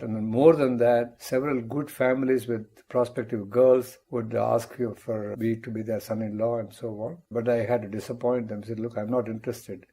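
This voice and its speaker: In this personal storytelling interview, a guest professor, an older Tamil-speaking man from Tamil Nadu, India, talks in a husky, mellow voice at medium pitch. His recollections are measured and reflective, sprinkled with wry remarks.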